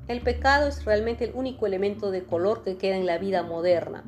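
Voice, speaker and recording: A woman voicing a witty, languid aristocratic gentleman who talks with a dreamy, ironic drawl in a storybook reading. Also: medium pitch, fairly even intonation, fast, soft background music, natural voice.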